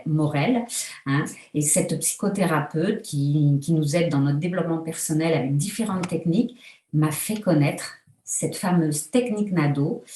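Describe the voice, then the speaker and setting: A woman's voice: lowish voice, mellow, echoey room. A woman in her sixties, a therapist, tells her story with feeling over a video call, full of hesitations. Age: 60s. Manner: emotional, storytelling, many fillers. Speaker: therapist guest.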